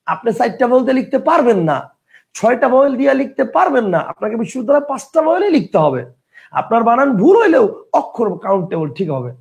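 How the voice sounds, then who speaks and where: A young man hosts an online grammar lesson. His voice sits high and swings widely in pitch, with a gravelly edge. He talks to his class conversationally, repeating each point and checking that they follow. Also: very animated, fast, darkish tone. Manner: conversational, repeats points and asks listeners questions. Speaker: teacher. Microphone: online class host mic.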